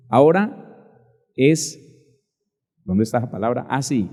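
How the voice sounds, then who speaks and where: A male pastor preaching a sermon emphatically, spelling out words slowly and addressing listeners directly. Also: fairly high pitch, dark tone, in a large hall.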